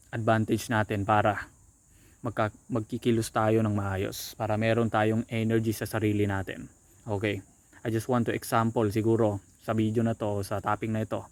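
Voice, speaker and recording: Low, flat-voiced Filipino man giving advice. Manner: addresses viewer as bro, repeats "okay", frequent restarts. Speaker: self-help vlogger. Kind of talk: casual advice monologue.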